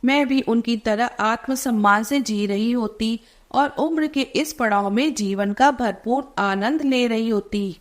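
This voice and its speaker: Woman reads as a gentle, worn-out elderly mother: weary, sorrowful, slightly high. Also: unhurried, lightly acted. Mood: regretful. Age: older. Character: older mother, tired and regretful, gentle.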